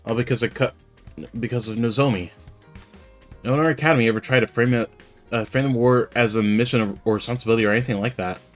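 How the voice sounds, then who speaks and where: A man streams while reading visual novel dialogue aloud in a mid-pitched voice. He stumbles and restarts words now and then as he reads. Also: fairly even intonation, fast talker, faint music behind.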